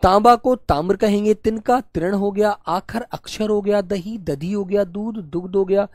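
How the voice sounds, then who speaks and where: Man, hindi teacher, online class, steady word-list drill, affectionate, dry close sound. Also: high-pitched, moderate pace, no room sound. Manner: affectionate, calls students "beta"; clears throat now and then. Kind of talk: online exam-prep class.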